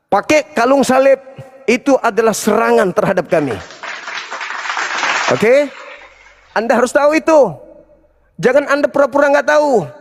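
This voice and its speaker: A man with a high, lively voice delivers a combative debate speech, taunting and lecturing his listeners. His voice swoops up and down as he drives each point home. A long reverb trails every phrase, as if he stands in a large hall. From Indonesia. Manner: taunting, preachy, emphatic. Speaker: Islamic apologetics debater.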